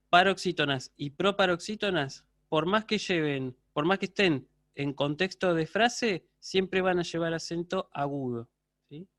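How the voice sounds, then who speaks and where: A man's voice: high voice, a bit bright, no room sound, studio quality. A man teaching a university Greek class over a video call, patiently checking in with his students. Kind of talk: online lecture.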